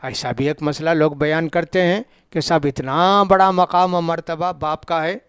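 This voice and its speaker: Higher-voiced man preaching in a dry studio. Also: clean tone, no room sound. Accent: South Indian Urdu. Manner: storytelling preacher, acts out dialogue, repeats for emphasis. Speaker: Islamic scholar. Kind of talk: religious lecture.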